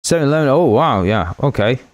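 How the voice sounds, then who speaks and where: Here a man with an expressive mid-range voice speaks briskly in a dry, studio-quality recording. His first language is Spanish; he keeps a game development livestream casual and jokey, wandering off topic and often thanking viewers.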